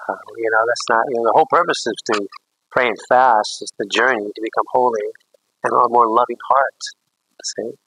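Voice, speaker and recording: A man's voice: medium pitch, steady tone, brisk, sharp tone, low-quality recording. A man, a priest, teaching a catechism class in a rambling, anecdotal way with jokey asides.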